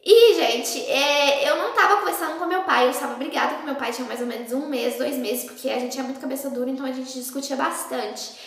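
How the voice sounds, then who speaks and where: High, gravelly-voiced young woman in an echoey room. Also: quick pace, hardly any pauses. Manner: chatty and animated, acting out the people in her story. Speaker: vlogger. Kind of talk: casual storytelling to camera.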